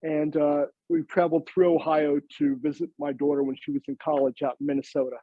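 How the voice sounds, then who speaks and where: A man's voice: fairly high pitch, little pitch movement, fairly quick, no room sound. A middle-aged or older American man chatting casually as an interview guest. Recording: slightly dull, lo-fi sound.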